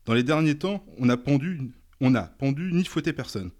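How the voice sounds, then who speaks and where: A man's voice: mid-range voice, animated, moderate pace, darkish tone, close to an everyday voice. A man voicing a defensive, exasperated landowner who protests his innocence and scolds his foremen. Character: defensive, blustering male estate owner's brother.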